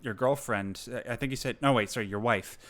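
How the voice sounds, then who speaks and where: A man's voice: medium pitch, a little fast, a bit bright. A man hosting a podcast, talking casually and encouragingly to a guest. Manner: encouraging, supportive. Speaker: podcast host. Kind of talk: casual chat.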